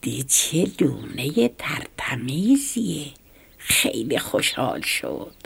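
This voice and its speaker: A woman's voice: low-pitched, creaky, breathy edge. Woman whispering a children's story. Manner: soft, hushed whisper.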